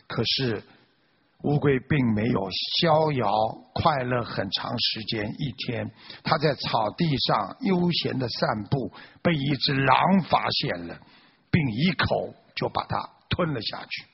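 A man's voice: mid-range voice, unhurried, creaky, breathy edge. A man preaching a moral sermon, exhorting listeners and telling a fable. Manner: animated, exhorting. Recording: dull lo-fi recording.

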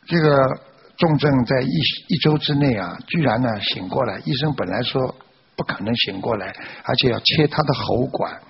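Husky, animated male preacher. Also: mid-range voice, normal speed. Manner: animated, exhorting. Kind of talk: moral sermon with storytelling. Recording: dull lo-fi recording.

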